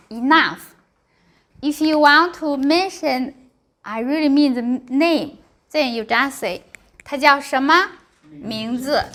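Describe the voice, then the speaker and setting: A woman's voice: high-pitched, fairly bright tone. A woman teaching a language class with a Chinese accent, speaking in short simple phrases, repeating and checking understanding. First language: Mandarin Chinese. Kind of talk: language lesson, drilling and explaining.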